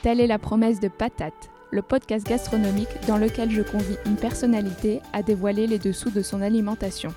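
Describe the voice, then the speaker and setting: A woman hosting a food podcast, reading her intro and asking interview questions in a measured, clearly articulated way. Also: medium pitch, steady tone, warm tone, faint music behind. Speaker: podcast host.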